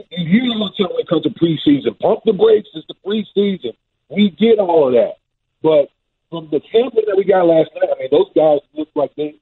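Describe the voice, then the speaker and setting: Man on a muffled tunnel-like phone line. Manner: lively, loose, peppered with "man" and "I mean". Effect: muffled low-quality phone line, as if calling from inside a tunnel. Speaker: football analyst calling in. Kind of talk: casual sports radio talk. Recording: tinny phone line, husky.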